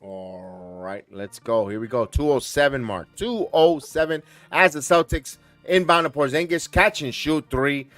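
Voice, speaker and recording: Male streamer doing play-by-play, middle pitch, dry close sound, faint music behind; punchy calls that rise on big plays. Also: fairly bright tone, no echo. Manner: rapid play-by-play calls that rise and push on big plays, talks to chat viewers by name. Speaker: host and play-by-play caller. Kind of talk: live watch-along play-by-play commentary.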